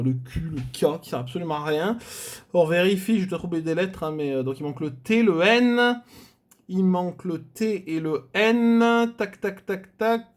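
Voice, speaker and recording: A man from France hosting his own channel, giving casual running commentary as he scratches tickets, muttering and repeating letters aloud with frequent filler sounds. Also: high-pitched. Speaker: scratch-card channel host.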